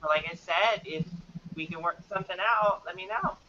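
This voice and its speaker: A woman's voice: on the low side, normal speed, bright, forceful tone, dull audio, a little hiss or hum. A woman, a guest wrestler, chatting in a casual podcast interview with an upbeat, easygoing manner. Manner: upbeat, laughs easily.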